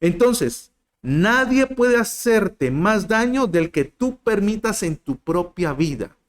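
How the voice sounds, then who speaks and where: A man preaching a sermon to a group, asking them questions and swinging between loud emphatic lines and soft low ones. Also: very animated, slow pace. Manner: addresses listeners directly, asks rhetorical questions.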